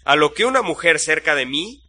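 A man narrating a first-person story in a steady, suspenseful storytelling manner. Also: fairly high pitch, brisk.

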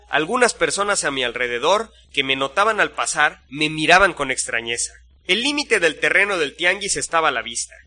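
Bright-voiced male storyteller. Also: fairly high pitch. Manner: steady, suspenseful storytelling. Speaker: narrator. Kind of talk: first-person story narration.

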